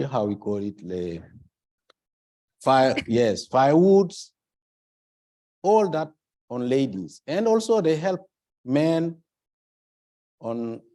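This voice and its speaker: A man from Senegal speaking on a conference panel, halting at times as he searches for words and stressing his key points. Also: mid-range voice, mellow.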